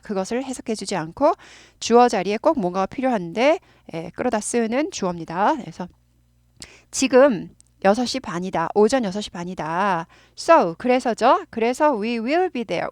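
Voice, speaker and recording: A woman's voice: a little high, animated, moderate pace, no room sound, studio quality. A woman with a Korean accent, an English teacher patiently explaining grammar and drilling pronunciation by repeating phrases.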